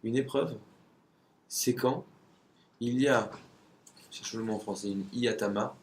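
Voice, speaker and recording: A man's voice: medium pitch, a little slow, a little hiss or hum. A man giving a conversational religious lesson, asking rhetorical questions and sometimes searching for words.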